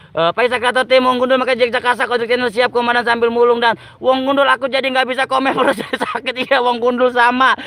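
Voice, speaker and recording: A man's voice: very high-pitched, bright, forceful tone, no room sound. A man hosting a casual livestream outdoors by rice fields, reading viewer comments aloud and breaking into giggles. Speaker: livestream host. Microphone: phone on a tripod.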